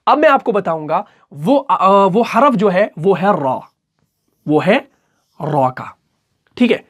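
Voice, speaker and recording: A man with a high-sitting voice teaches a recitation lesson in an online class. He stretches each example word out slowly and keeps checking in with the listener.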